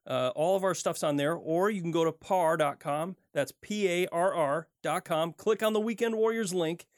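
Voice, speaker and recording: A man's voice: on the high side, moderate pace, dry recording. A man co-hosting a home improvement radio show from a studio, talking casually with lots of fillers. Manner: relaxed, filler-heavy.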